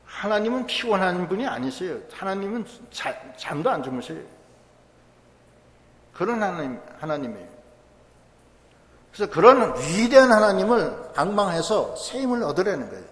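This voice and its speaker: A man preaches in a church, explaining scripture in a conversational, emphatic way. His voice sits a bit high for a man. The sound is roomy, with a long hall tail. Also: very animated, moderate pace, long pauses. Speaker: pastor. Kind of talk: sermon. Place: church sanctuary.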